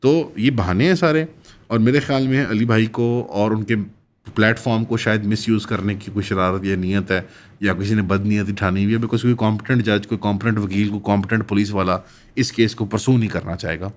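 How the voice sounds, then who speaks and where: A man's voice: fairly low pitch, fairly even intonation, a little fast. A man from Pakistan hosting a commentary channel, delivering an opinionated, critical monologue and mixing English phrases into his speech.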